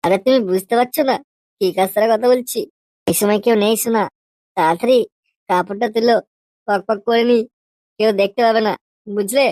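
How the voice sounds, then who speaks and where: A woman's voice: mid-range voice, a little fast, long pauses, darkish tone, no room sound, natural voice. A woman voicing a crude, pushy cartoon boyfriend. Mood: coaxing. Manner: coarse slang, wheedling and teasing. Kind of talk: cartoon comedy dubbing.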